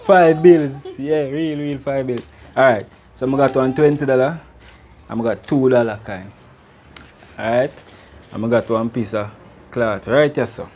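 A man's voice: medium pitch, unhurried, a little mellow. A man in his thirties with a Jamaican accent, giving casual, playful magic-trick patter with repeated instructions, like an amateur party magician. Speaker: prank vlog host performing magic trick. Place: outdoors on a small concrete porch. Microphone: camera a few metres away. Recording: background noise, outdoor ambience.

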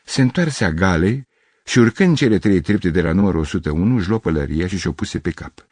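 An older man narrating a literary audiobook in an expressive reading voice. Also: deep voice, slightly rough, dry recording, clean studio sound. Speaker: audiobook reader.

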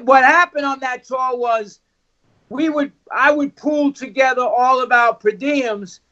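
High-voiced New York man telling rowdy stories. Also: measured pace. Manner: swearing, animated, quotes people in character. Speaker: guest musician telling tour stories. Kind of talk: casual storytelling. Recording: muffled lo-fi audio.

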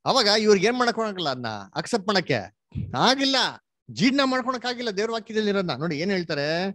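Male Bible study teacher, higher-pitched voice, dry close recording, quizzing his student as he goes. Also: big pitch swings, fast talker, a bit bright, no echo. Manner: questioning, prompts listener to answer and read verses; mixes English words into Kannada. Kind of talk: interactive Bible study lesson.

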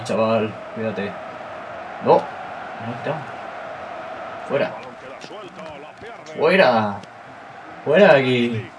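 A young man with a Spain Spanish accent narrates his football video game as he plays it. He talks to his viewers casually between plays, then jumps into loud, high-pitched shouts whenever a chance or a goal comes. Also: background noise. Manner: excitable, bursts into high shouts at chances and goals. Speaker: gaming YouTuber. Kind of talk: live gameplay commentary.

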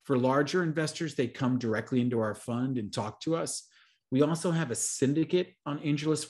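A man's voice: mid-range voice, a little mellow. A man in his forties, a venture capital investor, talking fluently on a video call from a room at home with bookshelves. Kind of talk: webinar presentation and Q&A answers.

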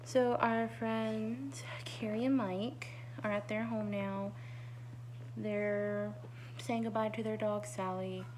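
A woman's voice: mid-range voice, fairly even intonation, slow pace, background noise. A woman chatting casually to her viewers in a family vlog at home, rambling with fillers. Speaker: family vlogger. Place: home, indoors.

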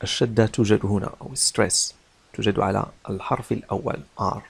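Man, teacher, vocabulary lesson, low voice, gravelly, slow repeated word drills. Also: steady tone. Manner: reads English words slowly and repeats them, explains quickly in between. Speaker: English teacher. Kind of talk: vocabulary lesson from a news article.

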